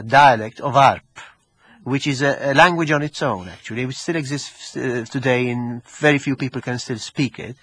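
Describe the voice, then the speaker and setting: A man with a Maltese accent discusses his research in an interview. His voice is middling in pitch and somewhat husky, recorded dry. He explains in a scholarly way, often stopping to repeat or rephrase a word. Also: fairly bright tone, no echo. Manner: halting, repeating and rephrasing words.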